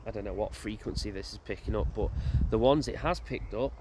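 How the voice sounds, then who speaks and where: Lowish-voiced and a little quick, this paranormal investigator vlogger wanders outdoors in a graveyard, musing and putting questions to himself in casual commentary. Loud outdoor noise is captured, along with a passing motorbike.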